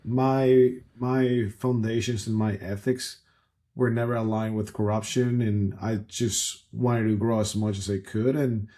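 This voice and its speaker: A man's voice: fairly low pitch, flat delivery, unhurried, dark tone. A man, a guest telling his story in an earnest, rambling way with frequent restarts. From Ecuador. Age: 30s. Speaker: guest entrepreneur. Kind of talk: casual conversational storytelling.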